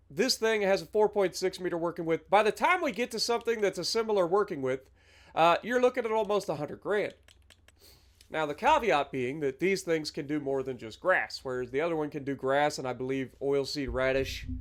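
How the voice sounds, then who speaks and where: A gaming YouTuber with a fairly high, stuffy, nasal voice talks at a moderate pace over his farming game. His let's-play commentary is easygoing and casual, and he thinks aloud with plenty of fillers.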